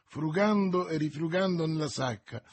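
A man narrating a novel as an audiobook, measured and expressive, with a husky voice. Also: fairly high pitch, dry recording.

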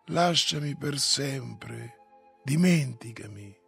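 A man's voice: sits high, slow pace, gravelly, breathy edge, soft background music, exaggerated voice. A man voicing a weary, pleading Oblomov. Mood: tender. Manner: soft, pleading. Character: Oblomov, a weary, timid man begging to be left alone.

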